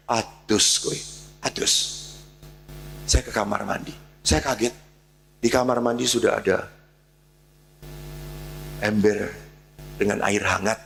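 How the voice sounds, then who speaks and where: Gravelly priest telling a story. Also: male voice, medium pitch, a little hiss or hum. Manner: animated storyteller, acts out dialogue. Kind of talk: storytelling sermon.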